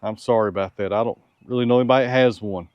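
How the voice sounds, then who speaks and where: A man's voice: on the low side, fairly even intonation, rapid-fire, clean tone, no room sound, highs cut off. A tired man answers viewer questions in an easygoing, folksy, frank way, outdoors on a farm. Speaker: sawmill owner and channel host. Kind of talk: casual Q&A with viewers.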